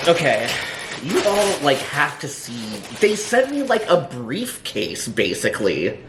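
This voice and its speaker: Hungover man rambling in a roomy echo. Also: mid-range voice. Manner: rambling, hesitant, filler-heavy. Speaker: food reviewer. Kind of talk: casual unscripted review chat. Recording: roomy echo, faint background noise.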